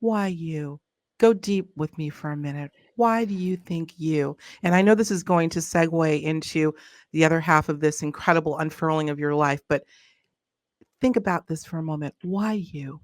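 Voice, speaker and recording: A woman hosting a conversational interview, asking questions in a probing, deliberate, encouraging manner. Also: low voice, dry recording, studio quality. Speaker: interviewer, host.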